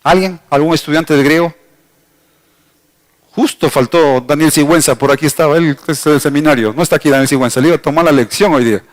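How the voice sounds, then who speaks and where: A middle-aged Ecuadorian pastor with a bright, high-pitched voice teaches his congregation. He speaks with an Ecuadorian accent, talks to the people directly, and slows right down when he spells out a word. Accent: Ecuadorian Spanish. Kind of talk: teaching sermon. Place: church hall.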